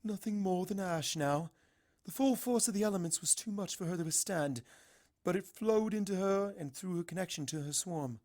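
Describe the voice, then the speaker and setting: A woman voicing a calm, regal mare princess in a storybook reading, with measured, formal, motherly speech. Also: lowish voice, voice pushed up, natural voice. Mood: solemn.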